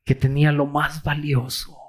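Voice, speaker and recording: A man preaching a sermon as pastor, reading scripture slowly and rising to raised, emphatic cries. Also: on the high side, flat delivery.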